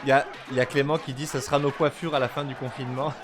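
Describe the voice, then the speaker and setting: A man's voice: mid-range voice, flat delivery, very fast, a crowd in the background. A man hosting a casual stream, playful, reading chat comments aloud. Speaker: stream host.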